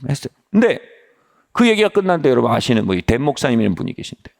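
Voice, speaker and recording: A man's voice: mid-range voice, rapid-fire, creaky. A man preaching a sermon as pastor, telling a personal story and acting out the voices in it. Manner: animated, acts out quoted dialogue.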